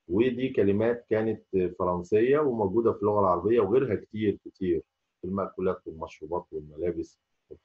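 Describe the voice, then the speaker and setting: A man with an Egyptian Arabic accent teaching a French lesson, saying each letter slowly and repeating it. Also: sits low, breathy edge, phone-quality sound. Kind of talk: spoken language lesson.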